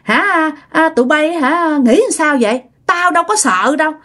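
A woman voicing a possessed old woman who curses and scolds her family in a shrill voice. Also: very animated, unhurried, a bit bright, heavily acted. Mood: scolding. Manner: shrill, scolding, foul-mouthed. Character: possessed old woman, cursing spirit inside.

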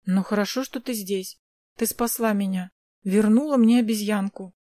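A woman's voice: medium pitch, moderate pace, warm tone, dry recording, close to an everyday voice. A woman reading an audiobook, voicing a caring young man who is an older brother, staying close to her own voice. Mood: grateful.

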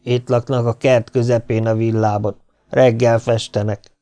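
A man's voice: medium pitch, flat delivery, dark tone, clean tone, lightly acted. A man voicing an odd, boastful little schoolboy who talks in an eager, confiding way.

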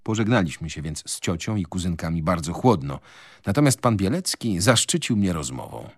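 A man's voice: low voice, very animated, no echo, studio quality. Man narrating a novel on radio. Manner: measured first-person literary narration.

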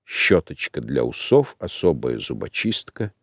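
Deep-voiced man reading an audiobook. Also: big pitch swings, a little slow, no echo. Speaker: audiobook narrator. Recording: dry close studio sound.

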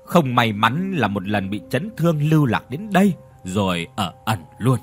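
A man voicing a secretive old male former exorcist who talks low and confiding. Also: sing-song, normal speed, soft background music, lightly acted. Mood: hushed, grave.

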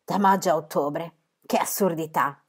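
A woman voicing a bold, cheeky young girl who tells tall tales, loud and teasing. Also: low voice, normal speed, slightly rough. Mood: mocking.

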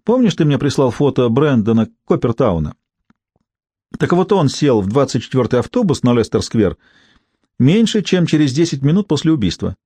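A man reading the lines of a brisk, wry young policewoman in a recorded audiobook. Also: medium pitch, sing-song, mellow, breathy edge, no room sound.

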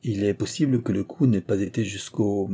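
A man's voice: on the low side, moderate pace, mellow, husky. A man voicing a fussy, evasive village surgeon who rambles and hesitates, in an audiobook. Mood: hedging.

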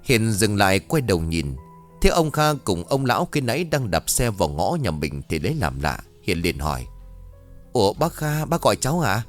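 A man narrating a ghost story in a measured, expressive storytelling manner. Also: sits low, soft background music.

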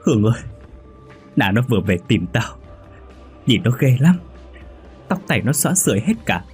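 A man voicing a terrified young woman who begs in a high, strained voice. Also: big pitch swings, extremely slow, soft background music. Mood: frightened.

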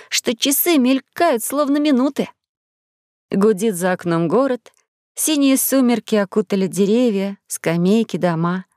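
A woman narrating a children's audiobook with gentle, expressive storytelling. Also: fairly high pitch, no echo, clean studio sound. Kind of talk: scripted narration.

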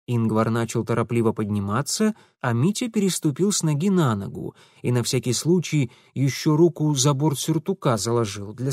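Guy narrating an audiobook, lively reading, dry close sound. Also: medium pitch, no room sound. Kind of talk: scripted storytelling narration.

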